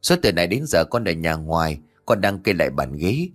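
A man voicing a grown son who calmly reassures his mother, in an audiobook story. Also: on the low side, brisk, soft background music, lightly acted. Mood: patient. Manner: calm, gently explaining. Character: adult son, patient and reassuring.

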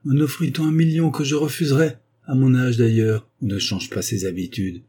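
A man reading an audiobook voices a proud, stubborn old spinster noblewoman with a haughty, dignified manner, raising his voice well above his own. His tone stays mellow and a little husky. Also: mid-range voice, steady tone, normal speed, pitched above the performer's own voice, lightly acted. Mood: indignant.

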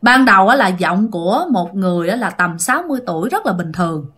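A woman with a Southern Vietnamese accent narrating a ghost story in an unhurried way, with many drawn-out fillers. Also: mid-range voice, lively intonation, a bit bright, breathy edge.

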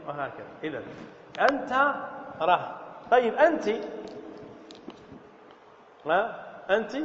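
A man's voice: high voice, slight background noise. A man teaching an Arabic grammar lesson as a sheikh, explaining step by step and quizzing his students with questions. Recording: echoey hall, dull lo-fi sound.

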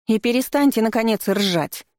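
A reader voicing a loud, stout middle-aged woman who shrieks her complaints indignantly at an investigator. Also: medium pitch, a little fast, dry recording, clean studio sound, voice pushed up, close to an everyday voice. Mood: shrill indignation.

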